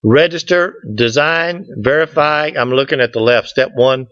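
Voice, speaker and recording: A club presenter in an indoor meeting room stands at a lectern for a casual slide presentation, joking with listeners in a folksy way. His middling-pitched voice is clean, fairly bright, and at normal speed. The recording is dry and dull, with little echo.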